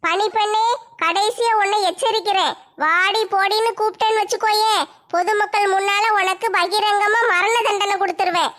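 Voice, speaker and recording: A woman plays a possessed villager in a comedy skit who struts as a self-crowned king. She drags her words out slowly and pompously. The voice sits very high. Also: fairly even intonation, a bit bright. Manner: slow, pompous, demanding.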